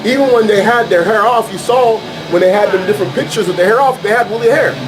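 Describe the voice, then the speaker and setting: Over music and through a low-quality recording comes a fast, high-pitched male voice. It belongs to an American street preacher and Bible teacher who teaches scripture casually, hammering his points home in a repetitive, emphatic, everyday manner.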